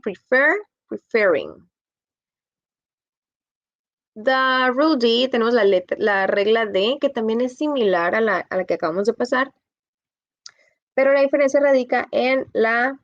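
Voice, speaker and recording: A woman's voice: medium pitch, no room sound, dull audio. Woman teaching English grammar patiently. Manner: patient, explains in Spanish and repeats in English. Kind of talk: bilingual grammar lesson.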